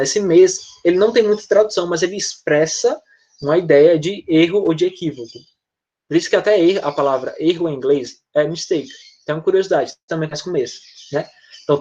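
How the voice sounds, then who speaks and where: A man's voice: on the high side, a little mellow. A male Brazilian teacher with a Brazilian Portuguese accent explaining words to students in an online class, often checking in with short questions. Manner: explanatory, uses tag questions like "né?" and "tá?". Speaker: English teacher. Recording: dull lo-fi online class audio.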